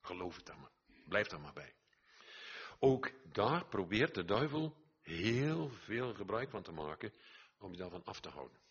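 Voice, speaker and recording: A man's voice: lowish voice, big pitch swings, unhurried, slightly rough, lo-fi sound. An older man preaching an earnest sermon, exhorting his listeners, repeating phrases and swelling to emphatic peaks.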